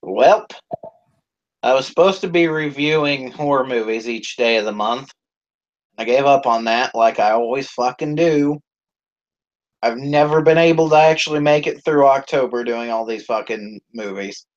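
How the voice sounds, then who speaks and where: A man's voice: mid-range voice, moderate pace. Rambling, foul-mouthed man on a live stream. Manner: rambling, heavy swearing, many fillers. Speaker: YouTube channel host. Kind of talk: casual live-stream chat. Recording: dull lo-fi stream audio.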